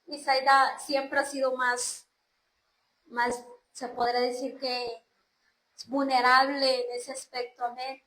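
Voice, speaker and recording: An earnest woman from Mexico shares her religious testimony, often turning to address her listeners as brothers and sisters. Her voice sits high. It rings in a roomy, echoing space. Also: little pitch movement, takes it slowly, sharp tone, slight background noise. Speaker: churchgoer giving testimony. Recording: roomy echo.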